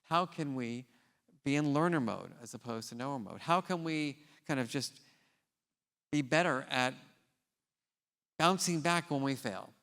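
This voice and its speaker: A man and scientist giving a keynote on a large theater stage, telling stories in an animated, casual way. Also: mid-range voice, measured pace, pauses often. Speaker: keynote speaker. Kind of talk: conference keynote with storytelling. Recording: long hall reverb in a theater.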